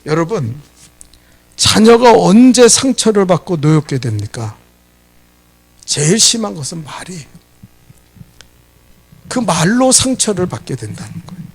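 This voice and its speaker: Lively gravelly-voiced middle-aged pastor. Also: male voice, fairly high pitch. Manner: animated preaching, asks the congregation questions and acts out quoted scolding. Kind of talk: sermon.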